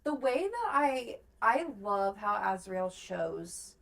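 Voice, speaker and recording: A woman in a casual book-club chat, talking slowly and thoughtfully with many fillers. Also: medium pitch, very animated, a bit bright. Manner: slow, thoughtful, filler-heavy talk.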